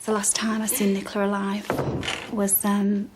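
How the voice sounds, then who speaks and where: A bereaved mother speaking softly and steadily in a documentary interview. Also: mid-range voice, noisy background. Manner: soft, measured and steady.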